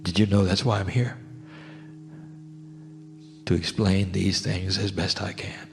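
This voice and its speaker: A low-voiced man gives a spiritual sermon, solemn and measured, leaving deliberate pauses. Long reverb surrounds him and music plays behind. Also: little pitch movement, gravelly. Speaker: spiritual channeler addressing a gathering.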